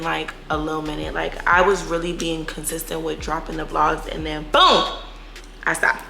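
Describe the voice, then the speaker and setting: Answering questions in her vlog, a twenty-something YouTuber talks in a lowish, creaky, bright and forceful voice, casual, slangy and frank, stretching words to stress them. A little hiss or hum sits under the recording.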